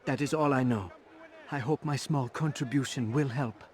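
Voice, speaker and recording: An actor voices an eager young apprentice informant in a video game, sounding earnest, formal and flattering. The male voice is medium-pitched, moderately paced and lightly acted, with a grateful, informative mood.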